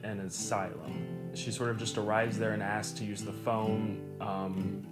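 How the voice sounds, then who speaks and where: A man, a theater director and actor, talking hesitantly with many pauses in a documentary interview. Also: fairly low pitch, steady tone. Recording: guitar music under voice. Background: guitar music.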